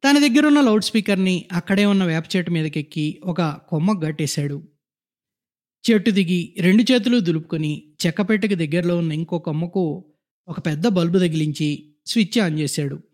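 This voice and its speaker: A man with a notably high voice narrates a literary short story. He reads in a measured, descriptive way and lets each scene unfold steadily. The tone is that of a scripted storytelling reading. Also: a little mellow.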